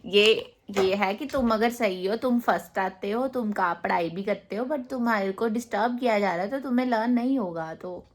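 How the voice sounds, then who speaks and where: A woman telling a childhood story in a casual vlog, animated and mixing in English words. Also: mid-range voice, normal speed, hardly any pauses. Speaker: storytime vlogger.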